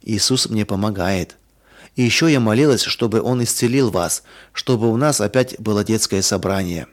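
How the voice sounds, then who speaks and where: A man voicing a young schoolgirl who is eager, quick-tempered and remorseful, in a read-aloud storybook. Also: lowish voice, close to an everyday voice. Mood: earnest. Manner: pleading, then indignant.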